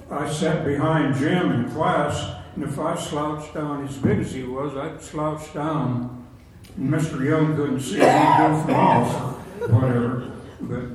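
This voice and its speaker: An older man with a slightly high, darkish voice chuckles his way through folksy stories, chatting casually to a group. They're gathered in a large room, and the recording is very echoey, picked up from a distance with faint noise.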